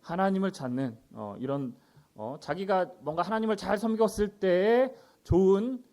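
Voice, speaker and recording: A male pastor giving a Sunday sermon, reading scripture aloud louder and then explaining it in casual asides with fillers. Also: high voice, moderate pace.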